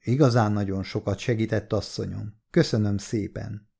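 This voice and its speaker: A man reading the lines of a courteous male police detective who asks gentle, persistent questions, in an audiobook. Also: fairly low pitch, steady tone, creaky, slightly rough.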